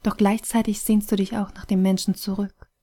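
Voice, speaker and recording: A woman voicing a weary, wise phoenix spirit that is fading away, speaking calmly and softly in an audiobook reading. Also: mid-range voice, normal speed, natural voice. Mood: gentle, sorrowful.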